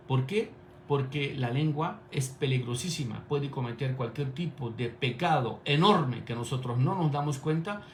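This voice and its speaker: Man, Islamic sermon, earnest, repetitive lists, mid-pitched voice, roomy echo, faint hiss. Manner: earnest, repetitive lists, recites Arabic quotations quickly. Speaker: Islamic preacher.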